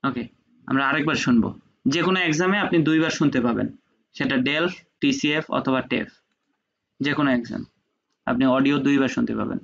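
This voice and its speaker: A man's voice: mid-range voice, fairly quick, vocal fry, long pauses, a bit bright, a little hiss or hum. A man teaching a French class online, patient, who breaks words down syllable by syllable. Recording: dull lo-fi online call audio.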